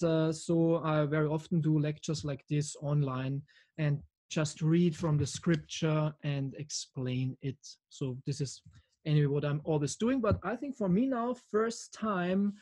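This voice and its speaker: A man from Austria, giving an earnest, halting talk over a video call from his home camera. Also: fairly high pitch, dark tone. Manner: earnest, halting with fillers and restarts. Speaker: devotee lecturer.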